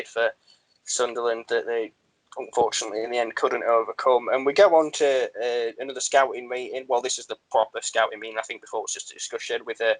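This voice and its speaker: A man's voice: mid-range voice, a bit bright, no echo, low-quality recording. Chatty man hosting a podcast. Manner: chatty, self-deprecating, laughs often. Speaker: podcast host. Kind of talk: casual podcast chat.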